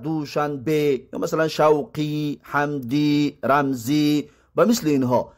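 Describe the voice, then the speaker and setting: A man with a Tajik accent teaching Arabic grammar, reading terms slowly and then explaining them. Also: high-pitched. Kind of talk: grammar lesson.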